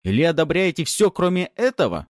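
A gruff, stern steward who leans on his words with heavy menace and swings his pitch widely, as a male narrator acts him out. The recording is close and dry, an audiobook read straight into the mic. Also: big pitch swings, fairly quick, dry recording. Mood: menacing. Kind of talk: audiobook character voice.

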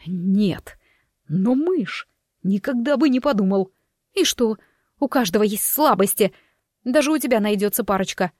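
A woman reading the part of a calm, gently mocking young husband, soft and amused. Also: medium pitch, a little slow, no echo, clean studio sound.

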